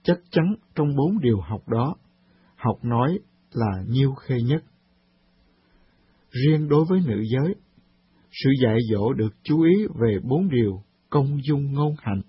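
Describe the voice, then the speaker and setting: Husky man reading a radio talk. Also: medium pitch, expressive, measured pace, dry recording. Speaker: radio program presenter. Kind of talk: scripted radio talk and storytelling. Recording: dull lo-fi radio recording.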